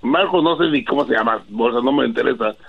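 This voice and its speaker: A man's voice: mid-range voice, fast talker, gravelly. A man calling in to a radio show, rambling through his complaint and calling the host maestro. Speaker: caller. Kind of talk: phone-in comment. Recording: tinny phone line.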